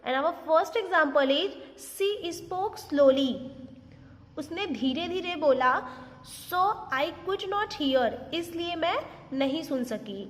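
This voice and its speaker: A woman gives a grammar lesson at a very unhurried pace, spelling out each example with care. Her voice sits high. The sound carries a long reverb. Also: animated, a bit bright. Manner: mixes Hindi explanations with slow, deliberate English examples; checks in often with "Is that clear?". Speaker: English teacher.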